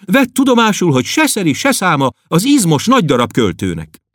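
A bossy, talkative young girl from a storybook, raising her voice high and swooping as she coaxes and scolds, put on by a male reader. The delivery is dry and close, with no room around it. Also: no echo, full character voice. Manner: lively, coaxing, then stern. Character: chatty clever young girl, bossy and encouraging.

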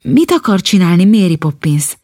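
A woman's voice: low-pitched, big pitch swings, warm tone, no echo, studio quality. A woman voicing a curious, impatient little boy who blurts out questions.

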